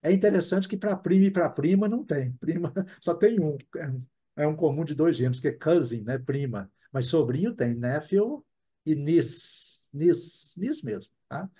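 A man's voice: a little high, animated, moderate pace, mellow, breathy edge. Chatty Brazilian man teaching a class. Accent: Brazilian Portuguese. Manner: chatty, often adds tag questions. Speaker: English teacher. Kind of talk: live online language class.

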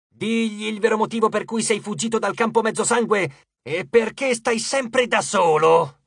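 A man voicing an invisible male god of love who mocks and torments, speaking slowly and drawing out his words. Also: sits high, gravelly, breathy edge, dry recording, clean studio sound, pitched above the performer's own voice, heavily acted. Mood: taunting. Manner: slow, drawn-out, taunting delivery.

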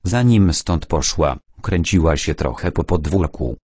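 A man narrating an adventure audiobook in the first person with steady storytelling. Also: extremely low pitch, measured pace, slightly rough, no room sound, studio quality.

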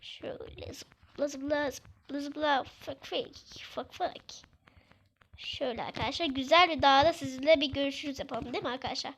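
A woman giving chatty let's-play commentary to her viewers, excitable and exclaiming, scolding the game aloud. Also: high voice. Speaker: gaming video creator.

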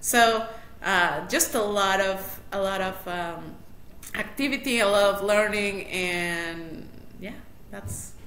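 Over a noisy, roomy video call, a middle-aged matchmaker from Mexico City talks slowly in a bright, mid-range voice. She's a guest in a casual interview, calling in from a small room indoors.

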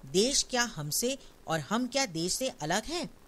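A woman's voice: fairly high pitch, a little slow, a little hiss or hum, pitched above the performer's own voice. Stone-faced grieving woman read by the narrator, cold and resolute. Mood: stony. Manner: hard, flat conviction.

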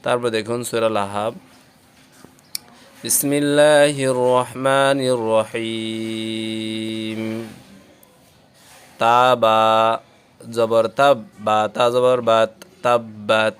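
Slow, patient man drilling syllables. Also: medium pitch, level tone, fairly bright tone, smooth. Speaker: Quran reading teacher. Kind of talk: slow spelled-out Quran reading lesson.

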